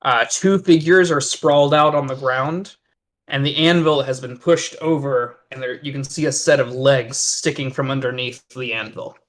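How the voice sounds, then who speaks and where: A man narrating as game master of a tabletop game, talking haltingly with many fillers and restarts. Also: medium pitch, fairly bright tone.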